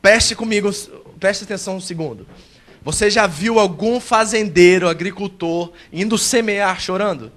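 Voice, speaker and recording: A male pastor preaching a sermon at a church service, animated and acting out a believer's complaints. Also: high-pitched, normal speed.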